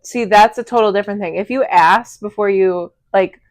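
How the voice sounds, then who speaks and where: A woman's voice: medium pitch, moderate pace, dry recording. Woman cohost, blunt and sweary, dry close mic. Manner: blunt, swears freely, lots of "like" fillers. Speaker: podcast co-host. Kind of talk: casual chat.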